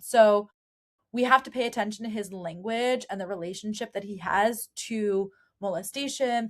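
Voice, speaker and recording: A woman hosting a casual book-discussion podcast, chatty and animated, with fillers. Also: mid-range voice. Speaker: podcast host.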